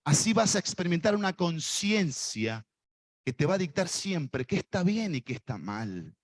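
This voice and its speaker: A man's voice: a little high, very animated, normal speed, no room sound. A man with a Rioplatense Spanish accent preaching an evangelistic sermon and leading listeners in prayer, with fervent, repeated appeals spoken straight to them. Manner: fervent, repetitive appeals, speaks directly to listeners.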